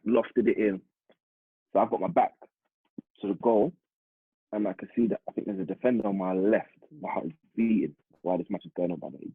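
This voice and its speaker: A young man from East London with a London accent, a football striker telling a lively story in a casual interview. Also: fairly low pitch, vocal fry, breathy edge, dry recording. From East London, England. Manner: animated, vivid retelling with acted-out quotes. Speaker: interview guest, semi-pro striker. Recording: muffled phone-like audio.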